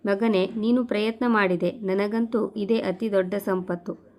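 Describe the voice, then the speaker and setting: A woman's voice: mid-range voice, steady tone, a little slow, a little mellow, lightly acted. A woman reading a frail, tender mother. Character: frail dying mother, loving.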